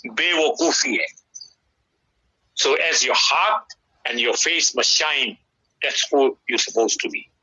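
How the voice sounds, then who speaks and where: On a slightly dull-sounding radio broadcast, a middle-aged South African Indian man gives religious advice in a conversational sermon. His fairly high voice is bright and forceful, and he preaches emphatically, returning again and again to key phrases.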